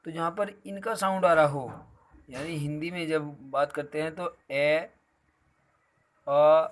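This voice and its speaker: A man's voice: a little high, measured pace, a bit bright. A man teaching a grammar lesson, explaining patiently and calling his students "beta" again and again.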